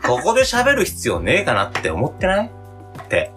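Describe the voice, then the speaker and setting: A young man co-hosting a casual comedic podcast, teasing and mock-accusing his partner in a lively, joking way. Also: fairly high pitch, normal speed, faint music behind. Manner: animated, teasing, mock-accusing, slips into Kansai-style ranting. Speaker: podcast co-host.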